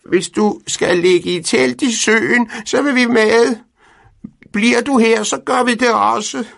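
A man's voice: creaky, fairly bright tone, heavily acted. Man doing squawking stubborn hens. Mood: indignant. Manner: shrill, squawking protest. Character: hen chorus, nosy and stubborn.

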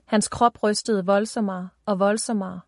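A woman narrating a children's fantasy audiobook in a calm, even storytelling voice. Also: medium pitch, no echo, clean studio sound.

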